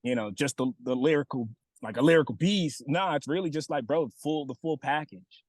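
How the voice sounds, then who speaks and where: A man from Boston, a rapper, talking casually in an interview from a bus stop, slangy and relaxed, saying "bro" a lot. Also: fairly high pitch, a little fast, no echo. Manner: laid-back slangy talk, says "bro" a lot. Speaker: rapper guest.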